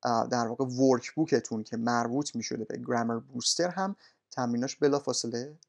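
A male language teacher walking students through course materials in a polite, formal way, often pausing with "uh". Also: medium pitch, vocal fry, darkish tone. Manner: polite, formal, with frequent "uh" pauses. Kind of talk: recorded course walkthrough.

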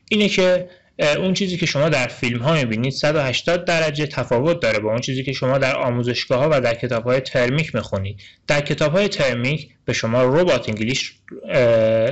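Male language teacher, mid-pitched, patient lesson delivery, muffled lo-fi recording. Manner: explains patiently, reads English phrases slowly. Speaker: English teacher. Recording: dull lo-fi recording.

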